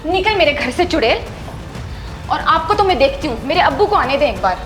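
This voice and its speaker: A high, sharp-tongued rich mistress scolds and accuses her servant, as an actress puts her on. Soft music runs behind the drama. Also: expressive, brisk. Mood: accusing. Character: harsh, suspicious rich woman employer. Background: soft background music.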